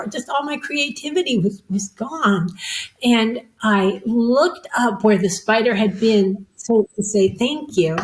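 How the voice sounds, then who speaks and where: A woman telling a personal story as a podcast guest. She is animated and self-mocking, and she acts out the voices of the people she quotes. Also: fairly high pitch, rough recording.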